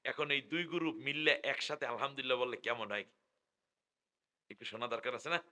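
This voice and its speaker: Forceful middle-aged Bangladeshi preacher. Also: male voice, medium pitch. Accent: Bangladeshi Bengali. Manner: loud, joking, drawn-out chanting of call phrases. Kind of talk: live sermon with crowd call-and-response. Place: public religious gathering. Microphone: stage microphone through loudspeakers.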